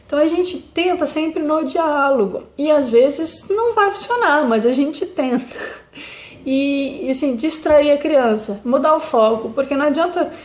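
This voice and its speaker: A young woman with a Brazilian accent talks through her parenting experience in a gentle, reflective way. Her voice sits a little high. She often pauses with fillers and restarts. The sound carries a noticeable room echo. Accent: Brazilian Portuguese. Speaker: mother sharing parenting advice. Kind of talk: casual talk to camera. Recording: echoey room.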